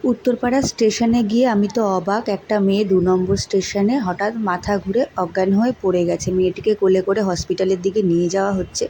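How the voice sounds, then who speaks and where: A woman hosting her own daily vlog, talking casually and keeping her voice low and hushed at times. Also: fairly even intonation, fast, hardly any pauses, slight background noise, poor audio. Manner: soft-spoken, hushed at times. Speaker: vlogger.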